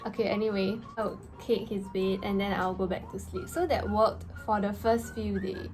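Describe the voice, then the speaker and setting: A young woman telling a story in a casual vlog rant, with an animated, exasperated, slangy delivery and emphatic stresses. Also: mid-range voice, moderate pace. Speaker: vlogger. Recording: music playing behind the voice. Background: background music.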